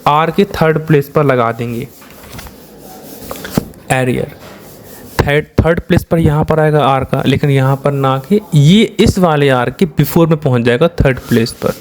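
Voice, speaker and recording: An Indian-accented man talks through a shorthand lesson in a fairly high voice. He works step by step, putting questions to his students and answering them himself in a patient, repetitive classroom manner. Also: moderate pace, few pauses, darkish tone, a little hiss or hum. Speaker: shorthand teacher.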